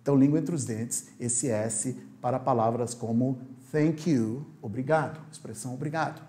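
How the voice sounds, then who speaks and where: A man teaching an online English lesson, lively and demonstrative, repeating sounds for the learner. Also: medium pitch, normal speed.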